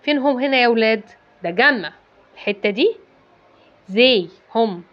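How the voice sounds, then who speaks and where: Lively Egyptian woman teaching kids. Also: on the high side, normal speed, dull audio. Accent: Egyptian Arabic. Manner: asks and answers her own questions, repeating key words. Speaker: English teacher for children. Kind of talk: classroom-style lesson explanation.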